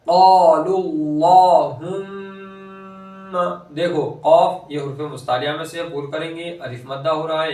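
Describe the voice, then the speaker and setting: A male Quran reading teacher, explaining pronunciation rules and reciting words slowly and drawn out. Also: fairly high pitch, a bit bright. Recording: echoey room, voice from a distance.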